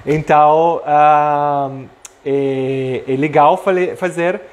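Male online cooking host, native Italian with Italian accent, thirties, slightly high voice, chatty and hesitant, casual teaching. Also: fairly even intonation, very slow, darkish tone. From Italy. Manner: chatty and hesitant, mixing Italian greetings into talk. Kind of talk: casual live cooking lesson. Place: home kitchen, indoors. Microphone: clip-on lapel mic.

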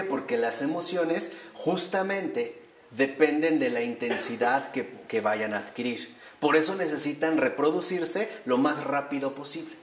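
A man's voice: a little high, slight background noise. A man gives an explanatory talk to a live audience and often ends his points with a tag question. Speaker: lecturer. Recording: roomy echo with faint ambience.

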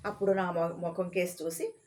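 A woman telling a comic story in a casual, chatty way, pausing to explain old words. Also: fairly low pitch, flat delivery, darkish tone.

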